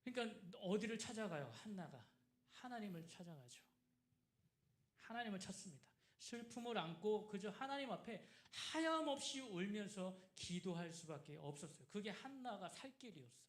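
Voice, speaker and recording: A man's voice: sits high, normal speed. A male pastor preaching a sermon, asking the congregation questions and acting out the people in his story. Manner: acts out quoted people in lively asides, asks the congregation questions. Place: church sanctuary. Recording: roomy church echo.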